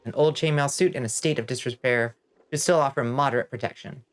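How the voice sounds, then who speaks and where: A man's voice: medium pitch, a little fast, soft background music, lightly acted. Man putting on a folksy fantasy blacksmith shopkeeper. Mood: matter-of-fact selling. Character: hearty blacksmith shopkeeper pitching blades and old armor. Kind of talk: fantasy video game character read aloud.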